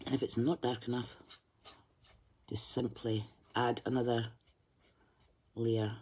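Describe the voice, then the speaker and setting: In a live colouring demonstration, a woman speaks slowly and levelly in an extremely low, darkish voice with a breathy edge. She talks through her thoughts as she colours, humming when she concentrates.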